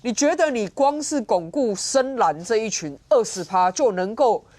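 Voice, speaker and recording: A woman giving sharp, sarcastic political commentary as a guest on a TV talk show. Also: a little high, animated, normal speed. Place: TV studio.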